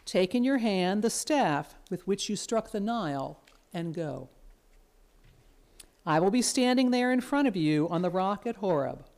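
A woman serves as lector, delivering a formal scripture reading in church. Her medium-pitched voice stays measured and even.

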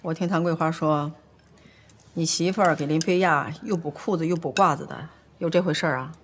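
A woman's voice: low voice, fairly quick, a little hiss or hum, lightly acted. An actress playing a fussing, gossipy older mother at home. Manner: fussing, chatty.

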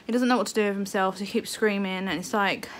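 A woman's voice: mid-range voice, fairly even intonation, quick pace. A pregnant woman, chatting casually to camera in a family vlog, hesitant and full of ums. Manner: rambling, hesitant, lots of ums. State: heavily pregnant, uncomfortable. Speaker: vlogger. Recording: faint background noise.

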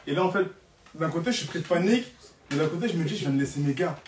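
A young man telling a story on a live stream in an animated, dramatic way, repeating phrases for emphasis. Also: fairly high pitch, racing, slight background noise. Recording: roomy, distant from the mic.

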